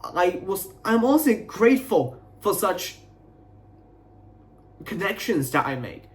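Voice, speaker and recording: A young adult man venting to his viewers in a frustrated, aggrieved, unscripted rant, halting and repeating himself as he rambles. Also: high voice, big pitch swings. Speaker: video creator.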